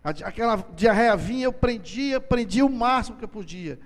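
A man's voice: very high-pitched, expressive, brisk. A man telling his testimony as a sermon, storytelling and acting out dialogue, speaking to the congregation as brothers. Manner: storytelling, acts out dialogue, addresses listeners as brothers. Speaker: church speaker giving testimony. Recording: long hall reverb.

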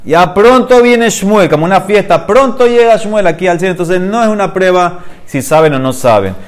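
A man teaching a Talmud class, slowly reading out Aramaic phrases and then explaining them quickly, often asking rhetorical questions. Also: sits high, expressive.

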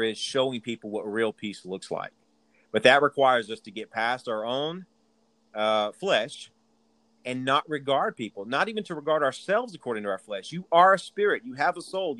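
A man's voice: mid-range voice, a bit bright, no room sound, poor audio. A man with a Southern US accent preaching a sermon, stressing key words and repeating phrases for emphasis. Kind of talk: sermon teaching.

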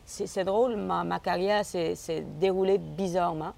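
A Québécois woman with a low voice and a gravelly, creaky edge. She is a singer guest who chats easily, laughs often and restarts her sentences as she tells her story. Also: steady tone, moderate pace, a little mellow, slight background noise. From Côte-Nord, Quebec. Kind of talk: casual interview.

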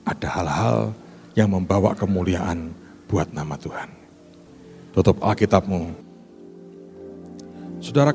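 A middle-aged male pastor, telling stories in an animated sermon and speaking directly to the congregation. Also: lowish voice. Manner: animated storytelling, addresses listeners as "saudara".

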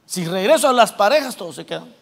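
A male pastor preaching a sermon, swinging between loud exhortation and quiet, joking asides to the congregation. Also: high-pitched, lively intonation, fast talker, vocal fry.

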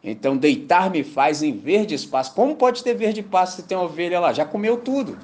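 Chatty Brazilian pastor preaching. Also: male voice, high-pitched, normal speed. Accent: Brazilian Portuguese. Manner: conversational, keeps asking "entendeu?"; slangy and animated. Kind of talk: sermon. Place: church service.

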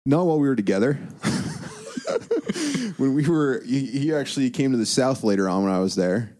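A man's voice: mid-range voice, brisk, darkish tone. A young man casually telling stories about his mission, laughing often as he talks. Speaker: guest. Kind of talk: casual storytelling.

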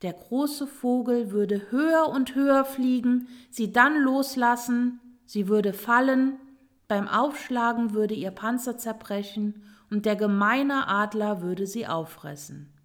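A woman reading a children's storybook aloud in a calm, expressive way. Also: fairly high pitch, takes it slowly. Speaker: narrator.

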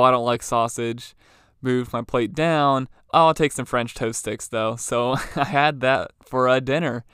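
A man's voice: medium pitch, fairly bright tone, smooth, no room sound, studio quality. A young man talking casually as a solo podcast host, rambling informally, recorded in a closet. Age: young adult. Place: small clothes closet, indoors.

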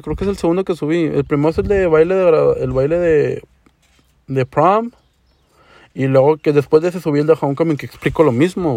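On his podcast, this young host with a northern Mexican border accent spins casual stories full of profane slang and Chicano-style English, performing each line of dialogue. His voice sits on the high side, creaky and darkish in tone, in a dry recording.

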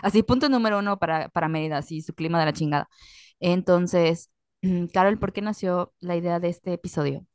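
A woman's voice: lowish voice, fairly quick, clean tone, dry recording. Sick Yucatecan woman, dry close voice. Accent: Yucatecan Spanish. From Yucatán, Mexico. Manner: chatty, relaxed, slangy. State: sick with a cold. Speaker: podcast co-host. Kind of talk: casual chat.

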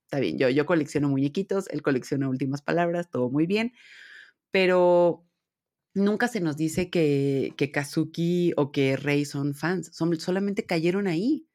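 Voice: mid-range voice, normal speed, darkish tone. A podcast host in their thirties with a Mexican accent, chatting casually and animatedly about an anime, full of slang and fillers. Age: 30s. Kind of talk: casual anime review chat.

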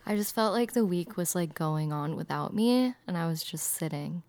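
A young woman co-hosting a casual chat, with creaky vocal fry, a slightly hoarse voice and a slangy drawl full of "likes". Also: lowish voice, lively intonation, normal speed, a little mellow, no room sound. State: slightly hoarse after losing her voice. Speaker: podcast co-host.

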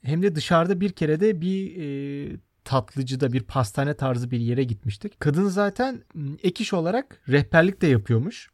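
A man's voice: on the high side, lively intonation, normal speed, few pauses, no echo, studio quality. A man in his twenties from Turkey hosting a casual podcast chat, choosing his words with care. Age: 20s. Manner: careful word choice. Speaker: podcast host.

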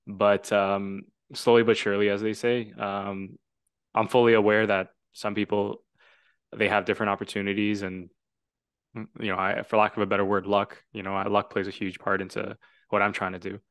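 A man's voice: fairly low pitch, flat delivery, moderate pace, smooth, no echo. A man in his twenties from Toronto, hosting a casual podcast conversation in an earnest, reflective, rambling way. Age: 20s. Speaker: podcast host.

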